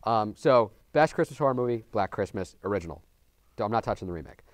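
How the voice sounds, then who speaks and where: A man co-hosting a film review show, joking and talking to the viewers in an animated, casual way. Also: mid-range voice, clear, resonant tone, dry recording. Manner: animated, jokey, talks to viewers as folks. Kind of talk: casual movie review chat.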